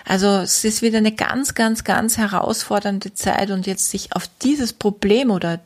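A woman's voice: medium pitch, normal speed. A middle-aged woman gives a motivational network marketing talk, earnest and repetitive, with many fillers.

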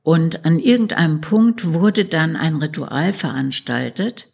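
A middle-aged woman speaks in a low, gravelly voice with a husky, breathy edge. She tells her story earnestly and reflectively as an interview guest, often tagging her sentences with a soft "ne?". Her delivery is unhurried and sincere. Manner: earnest, slow and reflective, tags lines with "ne?". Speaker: shaman and psychotherapist guest.

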